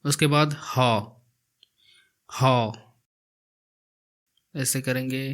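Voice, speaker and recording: Male teacher, unhurried voice-over alphabet lesson, patient repetition. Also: medium pitch, fairly even intonation. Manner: repeats each letter slowly while writing it. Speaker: language teacher.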